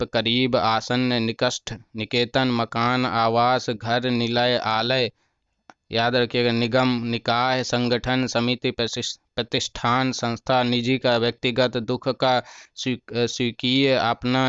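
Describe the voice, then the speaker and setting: Slow flat-voiced man reciting word lists. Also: mid-range voice, smooth, no room sound, highs cut off. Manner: slow, flat recitation with frequent self-corrections; repeats words and tells students to remember them. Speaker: teacher. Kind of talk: reading out word lists of synonyms.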